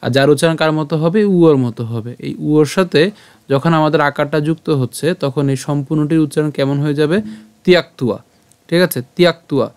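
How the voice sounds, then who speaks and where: Guy teaching verse pronunciation, slow careful recitation, smooth resonant voice, kinda high, dry close sound. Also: steady tone, a little mellow, no echo. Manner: slow, syllable-by-syllable recitation with patient explanations. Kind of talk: pronunciation lesson.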